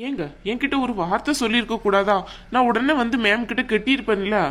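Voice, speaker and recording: A woman's voice: a little high, quick pace, fairly bright tone, natural voice. A woman voicing a kind, earnest young male college student in a cartoon, reassuring and sincere. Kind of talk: cartoon dub acting.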